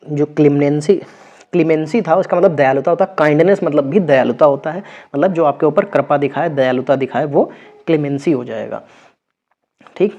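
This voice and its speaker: A man's voice: fairly high pitch, normal speed, dark tone. Man teaching vocabulary, lo-fi recording. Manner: repeats words with frequent check-ins. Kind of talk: exam vocabulary lesson.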